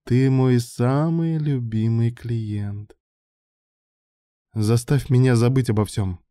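A man reading aloud and voicing a scheming woman madam in an audiobook, with a coaxing manner that turns to shrill exclamations. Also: steady tone, slow, mellow, clear, resonant tone, no echo, studio quality, natural voice. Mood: cooing. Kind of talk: audiobook dialogue.

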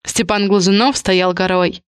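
A woman reading audiobook narration in an even, steady way. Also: medium pitch, unhurried, smooth, dry recording, clean studio sound.

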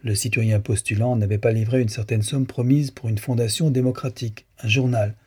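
A man reading a novel aloud as an audiobook narrator, measured and steady. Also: medium pitch, slightly rough.

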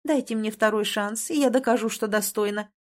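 A woman's voice: high-pitched, unhurried, pitched above the performer's own voice. Woman voicing a sing-song scheming dragoness. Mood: sultry. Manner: sing-song, wheedling, theatrical.

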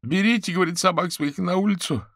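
Wailing hysterical sorcerer. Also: male voice, high voice, fast, fairly bright tone, dry recording, studio quality, voice pushed up. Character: panicking male police sorcerer, hysterical.

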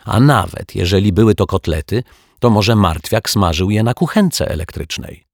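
A man voicing an earnest, slightly bumbling detective in an audiobook, in a gently reasoning manner. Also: lowish voice, expressive, normal speed, gravelly, no room sound, clean studio sound. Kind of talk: audiobook character voice.

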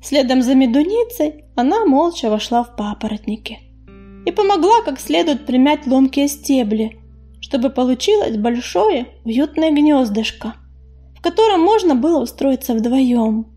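A woman narrating an audiobook in a calm, expressive reading style. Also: sits high, normal speed, soft background music. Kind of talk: scripted narration.

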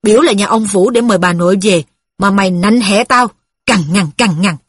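A woman voicing a bitter, quick-tempered widow who speaks in a scolding, resentful way. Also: on the high side, lively intonation, a bit bright, no echo, clean studio sound.

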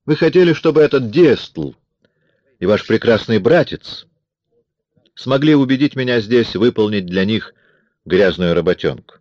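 A man voicing a cold, mocking man in an audiobook, with a smooth, coolly taunting manner. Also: on the low side, animated, measured pace, darkish tone, no room sound, highs cut off, pitched above the performer's own voice. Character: cold, mocking man forcing himself on a woman. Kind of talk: audiobook character reading.

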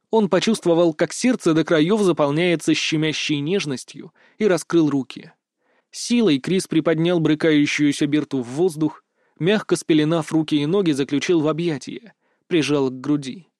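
A man narrating a fantasy audiobook in an even, measured storytelling voice, recorded close to the mic. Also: on the high side, no echo.

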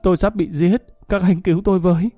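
A man putting on a shrill, terrified young hostage. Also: fairly even intonation, fast talker, mellow, dry recording, faint music behind. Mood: wailing, pleading. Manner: shrill pleading wails.

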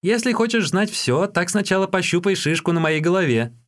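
A man voicing a cheeky young male street peddler who chatters in a high, excited voice. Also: brisk.

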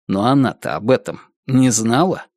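A man reading a dark novel aloud as narrator, with wry, sardonic asides. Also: medium pitch, animated, moderate pace, no echo, clean studio sound. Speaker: audiobook narrator. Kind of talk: scripted narration.

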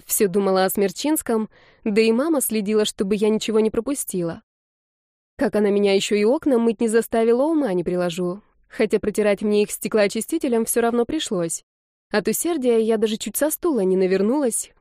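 A woman reading a first-person novel aloud in a lively, ironic storytelling manner. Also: mid-range voice, no room sound, studio quality. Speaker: audiobook narrator.

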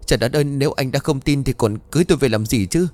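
A man's voice: racing, darkish tone, lightly acted. A man voicing a frightened young bride who pleads in a raised voice. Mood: panicked. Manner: high pleading, panicked.

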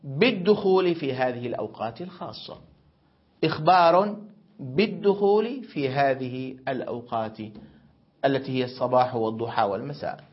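A man's voice: mid-range voice, normal speed, breathy edge. A middle-aged man, a sheikh teaching a grammar lesson, who explains by asking questions and answering them, heard on a muffled recording. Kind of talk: religious grammar lesson with storytelling.

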